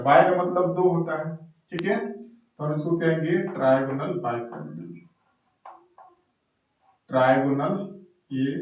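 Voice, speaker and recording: A man's voice: fairly high pitch, fairly bright tone. Echoey, distant male teacher at a board. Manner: repetitive, fills pauses with "ठीक है" and "जो है"; explains step by step while drawing on the board. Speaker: chemistry teacher. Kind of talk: blackboard lecture. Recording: very echoey classroom, voice from far off.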